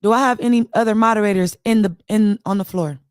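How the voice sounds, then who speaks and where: A woman's voice: medium pitch, fast talker, darkish tone, no echo. LA-accented young woman host, heated and profane, dry close-mic sound. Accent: Los Angeles. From Los Angeles. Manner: blunt, profane, mocking. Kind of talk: heated casual commentary. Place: online audio room.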